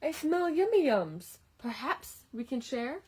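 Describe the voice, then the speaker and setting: A woman's voice: sits high, big pitch swings, measured pace, a little mellow, husky, voice pushed up, heavily acted. A woman reading a picture book aloud, voicing a friendly badger who offers to share food. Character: friendly, sharing badger with a grin.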